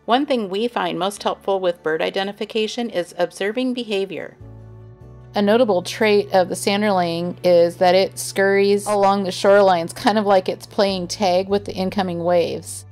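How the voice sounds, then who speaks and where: A woman giving calm, informative scripted narration for a nature vlog, gently enthusiastic as she explains. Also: mid-range voice, moderate pace, soft background music. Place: voice-over, not recorded on the beach.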